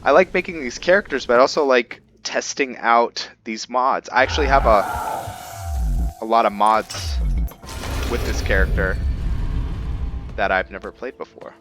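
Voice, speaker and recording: A man with a medium-pitched voice offers laid-back roleplay commentary on a video game, speaking a little slowly with long pauses as he thinks aloud. He's a gaming video host, and faint game music plays behind him.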